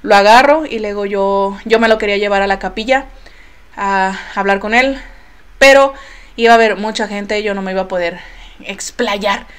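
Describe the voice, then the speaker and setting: A woman's voice: medium pitch, moderate pace, smooth. A young woman with a Mexican accent tells a personal story to her viewers in casual chat, acting out what each person said and trailing off with filler phrases, recorded on her laptop mic. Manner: animated, acts out quoted voices, trails off with "bla, bla, bla". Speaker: vlogger.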